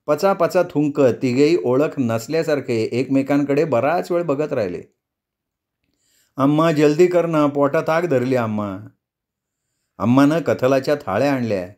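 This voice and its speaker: A male storyteller reading a novel aloud in a lively, dramatic narrating style. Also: medium pitch.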